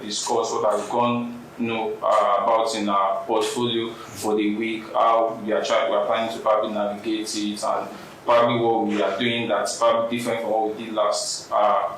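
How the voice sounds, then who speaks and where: A man's voice: lowish voice, flat delivery, normal speed, fairly bright tone. A young Nigerian man explaining things informally as an interview guest. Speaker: interview guest, trading competition participant. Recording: very echoey, distant mic, faint noise.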